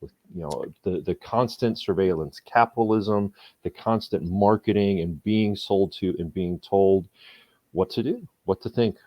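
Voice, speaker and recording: Podcast host, male, low voice, thoughtful and halting, dull dry lo-fi sound. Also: dry recording. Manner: reflective, repeats words while thinking. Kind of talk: casual podcast discussion.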